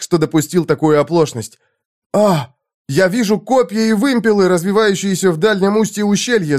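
A young squire shouts in a high, breathless, frantic voice, as a male reader acts him out. Every line comes out loud and urgent, like a storybook lookout calling a battle.

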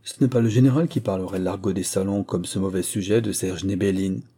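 A man voicing a quick-witted, mischievous young princess who teases her family playfully. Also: deep voice, steady tone, mellow, breathy edge. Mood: teasing. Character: teasing, chattering young princess girl.

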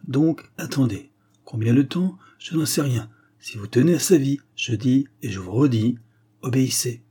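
A man's voice: mid-range voice, normal speed, mellow, breathy edge, close to an everyday voice. A man reading a spy novel aloud and voicing a cold, implacable male spy who gives orders in a menacing, commanding way.

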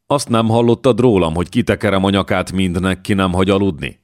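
A man voicing a gruff, boastful young male warrior in a storybook reading, threatening and then grudgingly gentle. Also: low voice, no echo, clean studio sound, voice pushed up, close to an everyday voice.

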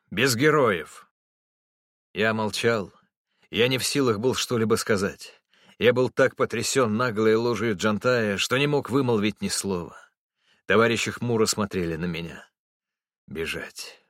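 A man reading a first-person story as an audiobook in a measured, low-key way. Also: a bit bright, dry recording, studio quality. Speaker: audiobook narrator.

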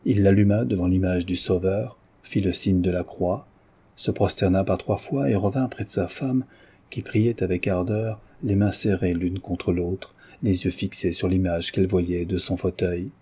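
A male audiobook narrator reads a novel in a measured, solemn way. His voice is low, dark and mellow, with a husky grain. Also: steady tone.

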